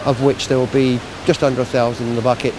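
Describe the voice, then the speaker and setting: A man who organises a charity event, explaining it informally and in a measured way in an outdoor interview. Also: mid-range voice, flat delivery. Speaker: Lions club event organiser. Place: outdoors at a seafront. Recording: outdoor street and traffic noise.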